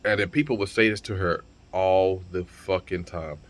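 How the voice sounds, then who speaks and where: A young man who vlogs and streams talks straight to the camera in a casual vlog. He is blunt and heated, swears freely, and stumbles over repeated words, in a deep voice at normal speed.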